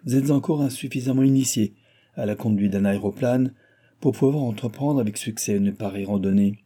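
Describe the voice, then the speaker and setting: A man voicing a proud, calm aircraft engineer who lays out his plans in long, measured sentences. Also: medium pitch, breathy edge, natural voice. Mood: explaining.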